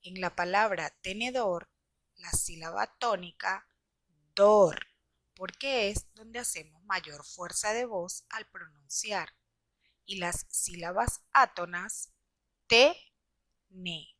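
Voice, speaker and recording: A woman teacher reading a scripted lesson for schoolchildren, explaining slowly and deliberately. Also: mid-range voice, fairly bright tone, no room sound. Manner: slow, deliberate explaining to children.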